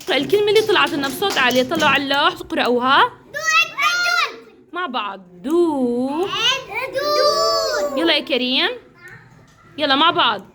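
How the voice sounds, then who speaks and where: A young woman with a Levantine accent teaching small children in a classroom, cheering them on and slowly sounding out syllables. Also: high-pitched, lively intonation, very noisy. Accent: Levantine Arabic. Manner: encouraging, praises often, drawn-out sounding of syllables. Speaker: kindergarten teacher. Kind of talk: classroom phonics drill.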